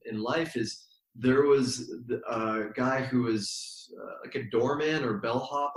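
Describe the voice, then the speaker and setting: Thoughtful man telling a story, roomy sound. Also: mid-range voice. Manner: thoughtful, unhurried, with frequent ums and pauses. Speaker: guest, yoga teacher. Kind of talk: relaxed storytelling in conversation. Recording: roomy echo.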